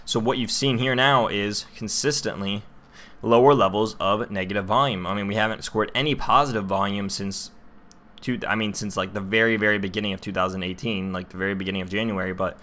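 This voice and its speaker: Young man, lowish voice, casual chart-talk livestream, chatty with lots of "um"s. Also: fairly bright tone. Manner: casual, chatty, many fillers and restarts, talks to chat. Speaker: crypto livestream host.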